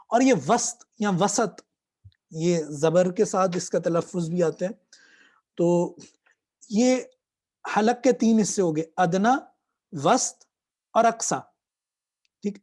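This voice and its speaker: A man's voice: high voice, a little mellow. Patient male teacher drawing out throat sounds. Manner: slow drawn-out demonstrations of throat sounds. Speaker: Quran reading teacher. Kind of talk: patient spoken lesson on letter sounds.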